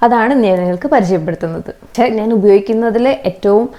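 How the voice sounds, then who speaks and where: A woman's voice: medium pitch, fast talker, dark tone. A young woman, chatting casually as she reviews budget video gear, explaining each item step by step. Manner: chatty, explains step by step, tags sentences with "kettō". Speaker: YouTuber. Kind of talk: casual product review vlog. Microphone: phone camera, plug-in mic at times.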